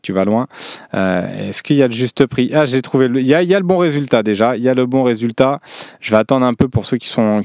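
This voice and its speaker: A man's voice: mid-range voice, darkish tone, no echo, clean studio sound. A man hosting a live show about a football club, chatting casually with many fillers and restarts. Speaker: show host.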